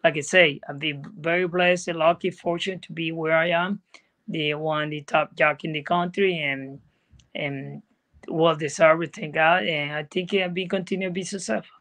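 A middle-aged Venezuelan man, a native Spanish speaker with a Venezuelan Spanish accent, appears as a guest jockey on a video call from an indoor room, picked up by a laptop mic. His voice is a little high, steady and fairly bright at normal speed as he speaks earnestly in plain non-native English.

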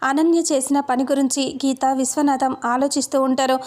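Woman narrator, casual recap, matter-of-fact, high voice. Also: flat delivery, moderate pace, darkish tone. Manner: plain, matter-of-fact retelling.

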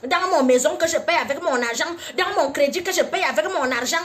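A high-pitched woman hosts a comic advice monologue on a live stream. She talks in a theatrical, mock-solemn and teasing way, straight into a phone. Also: a little fast.

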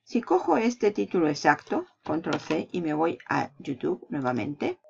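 Gravelly-voiced woman teaching onscreen steps. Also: low voice, very animated, a little slow, darkish tone. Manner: walks through steps while clicking, asks and answers her own questions. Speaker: online marketing tutor. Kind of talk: screen-recorded tutorial. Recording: dull lo-fi sound.

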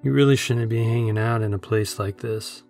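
A woman's voice: fairly even intonation, normal speed, creaky, dark tone, soft background music. A woman putting on a jittery middle-aged man. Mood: uneasy. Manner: jumpy and breathless, voice dropped low. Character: nervous sweating middle-aged man on a bridge. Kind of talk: storytelling narration.

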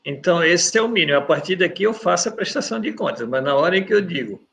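Gravelly man casting a formal vote. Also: a little high, a bit bright, a little hiss or hum. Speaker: councilor of an audit court. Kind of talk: formal spoken vote in a virtual session. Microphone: video call.

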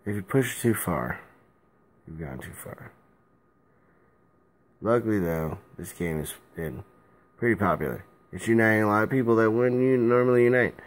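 Recorded on an arm's-length phone in a small room at home, a young man who is drunk rants casually for his vlog, rambling in a halting, loose way and going over things again. His voice is on the low side.

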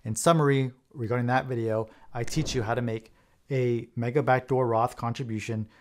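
A man in his thirties, an accountant, explaining retirement plan rules straight to camera from a small office, measured, often checking in with "okay?". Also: mid-range voice, fairly even intonation, a little hiss or hum. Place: small home office, indoors.

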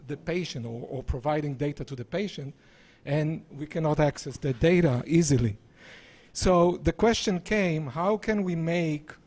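Male presenter, 60s, somewhat raised pitch, halting and hesitant, live talk on a handheld mic. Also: a little mellow. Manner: halting, hesitant delivery with broken-up phrases. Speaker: presenter, visiting scientist and entrepreneur. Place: small indoor presentation room. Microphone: handheld microphone, held at varying distance.

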